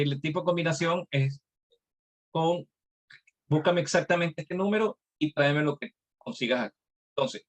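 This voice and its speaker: A male instructor teaching a live online class, explaining patiently step by step with examples. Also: medium pitch.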